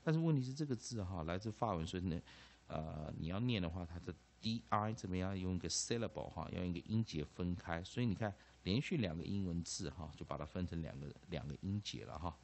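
Lively, low-voiced Taiwanese Mandarin teacher. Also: male voice, brisk. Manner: lively, peppers phrases with 'ah' and 'ha', repeats terms. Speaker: English teacher. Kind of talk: classroom-style phonics lecture.

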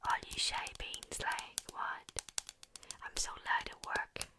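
A woman in her thirties whispering affectionate, chatty ASMR to viewers in a breathy voice, very close to the mic. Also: slow pace. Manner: affectionate, chatty, uses endearments. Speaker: ASMR livestream host. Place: indoor living room. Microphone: large desktop condenser mic, very close.

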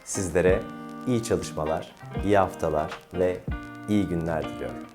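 A man teaching a diction lesson, slowly and deliberately demonstrating right and wrong pronunciations. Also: deep voice, music in the background.

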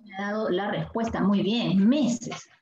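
A woman teacher with a Peruvian Spanish accent, giving a language lesson and asking the class questions, stretching out example words slowly. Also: mid-range voice, a little mellow. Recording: echoey room, dull sound, faint noise.

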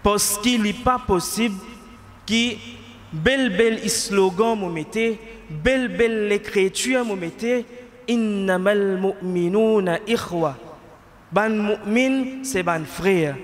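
An imam in his thirties with a Mauritian Creole accent delivers a Friday sermon in an indoor mosque prayer hall, speaking into a stand mic held close to his mouth. His voice sits high and carries the sound of a large hall. He poses rhetorical questions passionately and moves into Arabic recitation.

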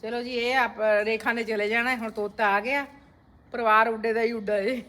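At her family home with a courtyard, a woman vlogs casually, chatting straight to her viewers. Her voice is on the high side, bright and forceful, with fairly even intonation at a moderate pace.

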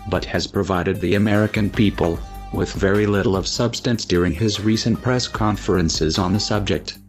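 An anonymous male narrator reads a grave script at a moderate pace, his voice disguised by a voice changer into a very low, deep sound, with faint music playing behind him.

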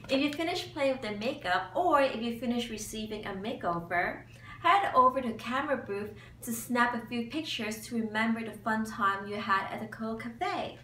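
Filmed in a small room against a plain wall, a young beauty vlogger narrates cheerfully from an upbeat script. Her voice sits on the high side, pushed and bright, with lively intonation at a moderate pace. She sounds distant from the set-back mic, and the room is echoey with a faint hum.

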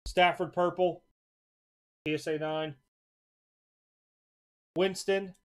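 A man's voice: sits high, steady tone, takes it slowly. A man casually showing off trading cards for an upcoming auction, talking in an easygoing, rambling way at a desk at home. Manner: easygoing, rambling, repeats words. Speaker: sports card seller hosting an auction preview. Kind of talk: casual card showcase narration. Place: home card room, indoors.

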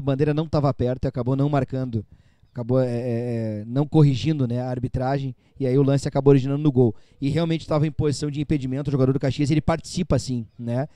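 A man's voice: mid-range voice, dark tone, no echo. A man hosting a live fan broadcast after a football match, chatty and opinionated. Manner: chatty, opinionated, tag questions. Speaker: fan channel host.

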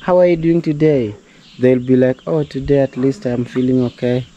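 Talking to camera outside a rural home, this young Kenyan vlogger speaks English as a second language with a Kenyan accent, in a medium-pitched, mellow voice at normal speed. Chatty and a bit preachy, he addresses viewers as "guys" and slips into prayerful encouragement now and then. The highs are cut off and there's slight background noise.

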